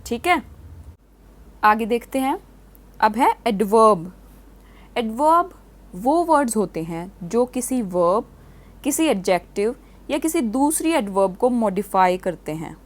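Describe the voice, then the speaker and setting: A woman's voice: fairly high pitch, sing-song. A woman teaching a grammar lesson, explaining step by step and asking her students many quiz questions. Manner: reads example sentences slowly and clearly. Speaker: English teacher.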